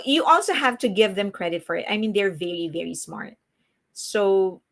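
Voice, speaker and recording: A woman from the Philippines with a Filipino accent hosts a live stream, chatting casually with her viewers. Her voice sits at medium pitch and is a bit bright, and she laughs often and keeps restarting her sentences.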